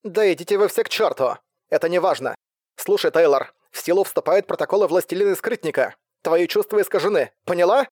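Парень играет резкую молодую командиршу, высоко и громко, давит приказами. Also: male voice, on the high side, animated, normal speed, hardly any pauses, no echo, studio quality, pitched above the performer's own voice. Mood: urgent. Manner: commanding, insistent.

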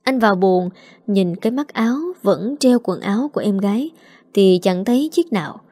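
A woman reading a village drama story aloud in a steady, expressive way. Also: medium pitch, normal speed, dry recording. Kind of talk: audiobook story narration. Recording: dry close mic with faint music.

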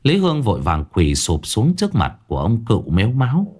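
A man narrating a ghost story with a dramatic, expressive telling. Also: lowish voice, a little fast, breathy edge.

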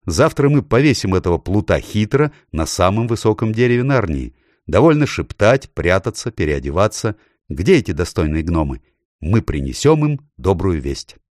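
A man reading an audiobook, voicing a stern young king who speaks in a forceful, regal way. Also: fairly low pitch, big pitch swings, moderate pace, no room sound, clean studio sound, pitched above the performer's own voice. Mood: rousing.

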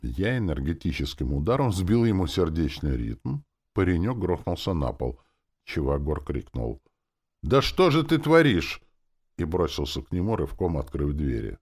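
A man's voice: very deep voice, lively intonation, normal speed, mellow, slightly rough. A man narrating a fantasy audiobook in the first person, reading expressively.

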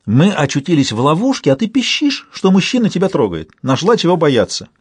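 A man's voice: on the high side, wildly swooping pitch, fairly quick, slightly rough, dry recording, pitched above the performer's own voice, exaggerated voice. A man reading an audiobook and voicing a bossy, cold woman leader who snaps out orders. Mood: commanding. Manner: snapping, domineering orders.

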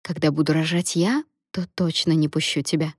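A woman reading an audiobook voices a brisk young woman helping at a birth, urging and excited. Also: low-pitched, husky, dry recording, studio quality.

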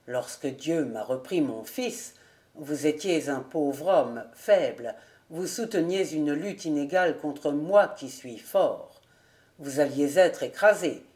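A woman voicing a grave old male nobleman who speaks slowly and sadly for an audiobook. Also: sits low, expressive, darkish tone, pitched below the performer's own voice. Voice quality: slow, sad, solemn delivery.

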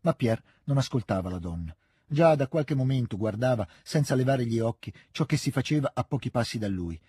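Husky male audiobook narrator. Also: mid-range voice, no echo, studio quality. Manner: measured, even storytelling. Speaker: audiobook reader. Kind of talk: scripted literary narration.

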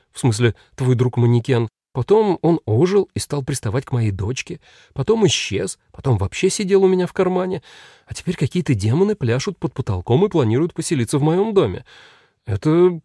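A man's voice: medium pitch, dark tone, breathy edge, no echo, studio quality. A man voicing a bewildered, anxious mother who talks in a flustered, exasperated way.

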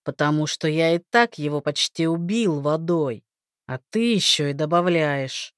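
A woman's voice: low voice, expressive, unhurried, no room sound, studio quality, voice pushed down. A woman voicing an arrogant, cruel male rain god who speaks with contempt and menace. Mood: contemptuous.

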